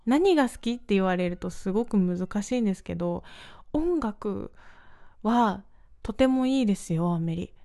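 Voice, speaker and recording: A woman's voice: mid-range voice, darkish tone. A woman hosting a casual solo radio talk, rambling and poking fun at herself. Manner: rambling, self-mocking, chatty. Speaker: host.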